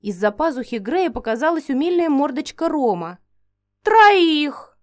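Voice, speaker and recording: A woman narrating a first-person fantasy audiobook in a steady storytelling reading. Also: on the high side, unhurried.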